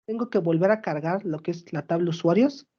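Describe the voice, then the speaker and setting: A student presents her project in a screen-recorded demo, explaining a database app step by step and checking in with her audience along the way. She speaks briskly in a voice on the low side, and the audio is dull.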